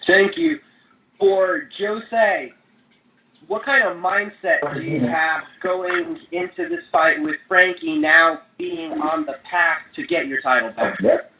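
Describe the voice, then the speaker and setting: A man's voice: a little high, sing-song, takes it slowly. A male reporter putting questions to guests over a telephone conference line. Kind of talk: press call questioning. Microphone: telephone conference call. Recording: muffled, faintly noisy phone line.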